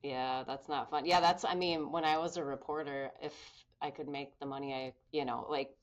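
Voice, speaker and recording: Low-voiced woman, candid and brisk. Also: steady tone, lo-fi sound. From Minnesota. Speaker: guest, public safety communications official. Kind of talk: conversational interview.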